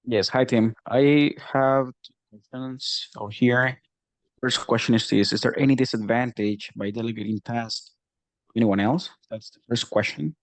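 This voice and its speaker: A man's voice: medium pitch, steady tone, moderate pace, no room sound. A man taking part in a training class, asking his questions politely and carefully. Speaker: class participant.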